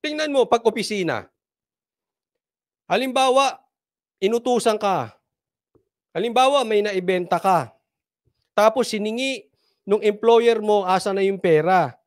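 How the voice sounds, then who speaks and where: Filipino guy ranting about politics, high voice, sarcastic and laughing a lot. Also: a little slow, pauses often. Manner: mocking, sarcastic, laughs often. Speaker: political commentary host. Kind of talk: casual political commentary.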